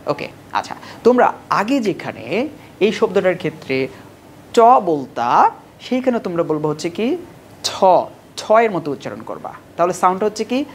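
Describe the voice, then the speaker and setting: A woman with a Bangladeshi accent and a fairly low voice runs a pronunciation lesson. She talks straight to her students and drills words again and again at a slow, careful pace. Faint noise sits under the recording. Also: sing-song. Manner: slow drilled repetitions, addressing students directly. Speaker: English pronunciation teacher.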